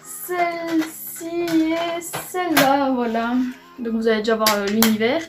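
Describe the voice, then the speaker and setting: High-voiced chatty young woman vlogger. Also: flat delivery, measured pace, music in the background. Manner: chatty, enthusiastic, repeats "franchement" often. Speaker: beauty vlogger. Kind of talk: casual makeup try-on vlog. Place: home room near a window.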